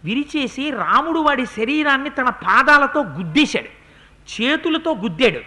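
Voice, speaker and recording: A man giving a lively, storytelling religious discourse that breaks into slow, chanted Sanskrit verses. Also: very high-pitched.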